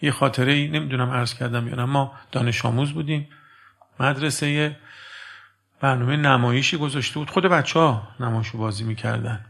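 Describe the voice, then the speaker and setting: A man preaching a sermon, telling a story and addressing his listeners as dear friends, swinging between hushed and emphatic delivery. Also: mid-range voice, steady tone, gravelly.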